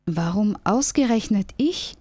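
A woman's voice: mid-range voice, lively intonation, mellow, no echo, studio quality. A woman doing a sleepy grumbling bear. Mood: grumpy, sleepy. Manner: grumbling and unhurried. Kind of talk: children's radio story.

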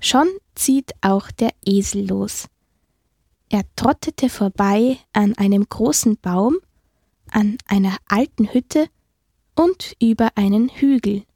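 A woman gently narrating a children's Christmas story in a slow, storytelling manner. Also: medium pitch, husky, dry recording, studio quality.

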